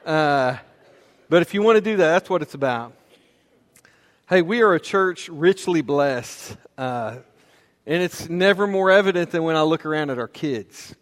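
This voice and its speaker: A man preaching a sermon in a relaxed, conversational way, often restarting his sentences. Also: a little high, a little slow. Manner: conversational, with fillers and repeated restarts. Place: church auditorium. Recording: long hall reverb.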